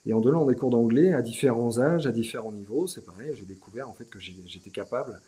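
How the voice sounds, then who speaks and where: This middle-aged French-speaking guest talks fast in a medium-pitched voice during an interview. He's chatty and relaxed, but hesitant, with many restarts, small fillers and a habit of saying "tu vois".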